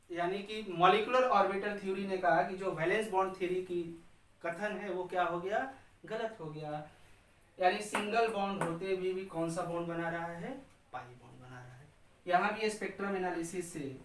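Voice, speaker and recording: A man's voice: sits high, fairly bright tone. A male chemistry teacher lecturing a class, drilling students by asking questions and answering them himself, and repeating key terms in a chanting rhythm. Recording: echoey room, distant mic, faint hiss.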